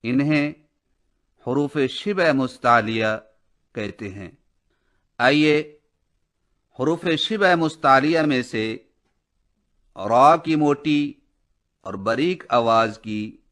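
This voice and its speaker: A man's voice: medium pitch, fairly bright tone. A man teaching a Quran recitation lesson in Urdu-accented speech, explaining rules and chanting letters with long held vowels. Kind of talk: tajweed lesson with slow drawn-out recitation.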